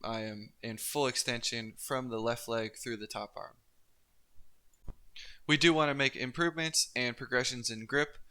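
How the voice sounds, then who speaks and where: A man giving instructional narration as a coach, explaining each step in a careful, unhurried way. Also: mid-range voice, bright, forceful tone, smooth. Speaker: pole vault coach and instructor. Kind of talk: instructional narration of technique and demonstrations.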